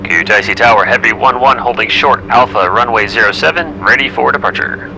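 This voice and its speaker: A man's voice: lowish voice, brisk, vocal fry, noisy background. A man calling the tower as co-pilot over a cockpit headset radio, in clipped, formal radio phrasing. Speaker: co-pilot in a flight sim.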